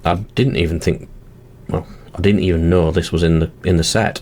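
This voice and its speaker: A man's voice: sits low, fairly even intonation, moderate pace, a little mellow. A man hosting his channel, chatting casually and talking himself through each step as he opens card packs at his desk. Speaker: channel host. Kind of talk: casual commentary while opening card packs.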